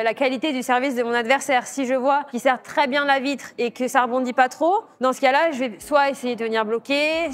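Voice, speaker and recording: A young woman who plays padel, giving tips in an informal, conversational tutorial style. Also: high voice. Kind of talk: casual tutorial talk.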